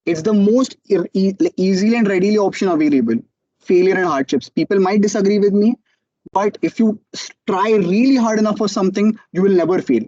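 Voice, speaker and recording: A young man with an Indian English accent telling his startup story as a motivational talk, animated and acting out quotes. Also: sits high, a little fast, dry recording, lo-fi sound. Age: young adult. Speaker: student entrepreneur speaker.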